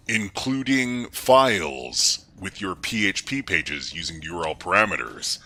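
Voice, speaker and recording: A man voicing a menacing, taunting hacker persona through a voice changer, speaking slowly and gloating. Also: deep voice, sharp tone, voice pushed down, full character voice.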